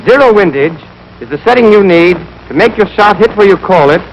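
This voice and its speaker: A young American man plays an army instructor in a 1940s training film, delivering clipped, scripted, step-by-step lessons on marksmanship. He speaks fairly quickly in a high, lively voice, and the noisy old soundtrack sounds muffled.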